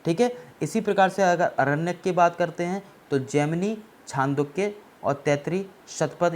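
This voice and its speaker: Hindi-speaking male teacher lecturing on history. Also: on the high side. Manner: explanatory, repeats "ठीक है ना" to check understanding; mixes English words into Hindi. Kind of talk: exam-prep history lecture.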